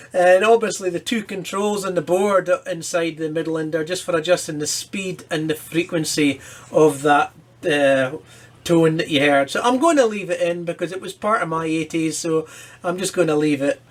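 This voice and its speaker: At a workbench in his workshop, a man presents a hobby electronics repair, offering casual, hands-on commentary and thinking aloud as he works. His voice is fairly high, with a moderate pace.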